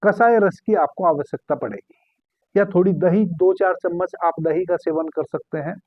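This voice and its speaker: A man calmly giving guided meditation instructions as a spiritual teacher, repeating key phrases slowly. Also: high voice, no room sound. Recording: tinny phone-like sound.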